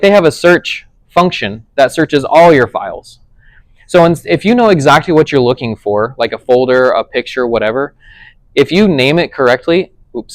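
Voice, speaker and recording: A man's voice: medium pitch, clean tone, no echo, rough recording. A man teaching a casual tech class, explaining things conversationally and often checking whether his listeners follow. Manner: conversational, checks understanding with frequent "does that make sense".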